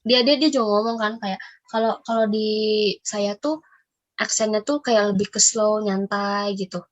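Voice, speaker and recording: A woman's voice: mid-range voice, steady tone, moderate pace, muffled recording. Chatty Indonesian woman podcast host. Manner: chatty, rambling with many fillers. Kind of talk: casual reaction chat.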